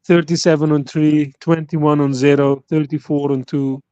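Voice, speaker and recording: A man's voice: a little high, little pitch movement, moderate pace, mellow, clean tone, no room sound. A man from the Netherlands, a guest caller on a casual podcast, talking in a friendly, patient way as he lists boxing stats. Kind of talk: casual call-in chat. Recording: dry, dull lo-fi call audio.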